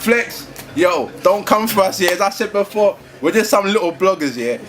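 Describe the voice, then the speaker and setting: A man's voice: high-pitched, animated, normal speed, a bit bright, faint music behind. A young man, hosting a casual debate chat, laid-back and slangy, swearing often. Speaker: host.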